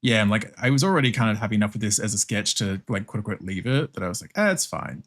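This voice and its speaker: An Australian man with a slightly low voice hosts a relaxed art livestream. He talks casually and welcomingly to viewers, with a giggly, sweary streak. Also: fast talker. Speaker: streamer and artist. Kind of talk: casual livestream chat while drawing.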